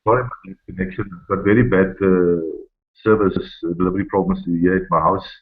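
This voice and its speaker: A South African man on a webinar call over a bad, breaking-up internet connection, talking in a halting way with many restarts. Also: sits low, fairly even intonation. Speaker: webinar guest speaker. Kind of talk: casual talk on a webinar call. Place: his house. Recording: tinny, phone-like internet call line.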